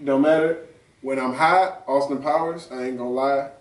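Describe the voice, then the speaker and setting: Recorded with a distant mic in an echoey room, a male talk show host chats casually, using loose slang and frequent profanity. He speaks at a normal speed with a medium pitch and fairly even intonation.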